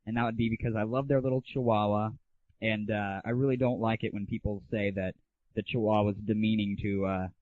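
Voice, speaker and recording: Here a man with a fairly low, brisk voice and little pitch movement gives offhand, slang-filled, irreverent opinions as he reviews games solo on his audio show. It sounds like narrow, phone-like 1990s internet audio.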